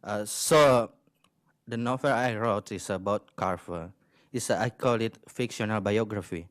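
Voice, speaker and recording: A man's voice: lowish voice, unhurried, fairly bright tone, no echo, studio quality. A man in his twenties from Indonesia, a native Indonesian speaker, chatting loosely at an open mic in a library meeting room. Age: 20s. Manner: chatty with restarts and laughs. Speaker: visiting writer. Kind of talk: casual open-mic remarks.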